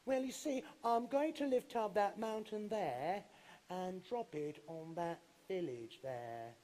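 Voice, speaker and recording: A man's voice: high voice, animated, slow pace, warm tone. A man voicing a clever, sly shoemaker who talks breezily and chuckles with mock innocence. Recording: live stage with music.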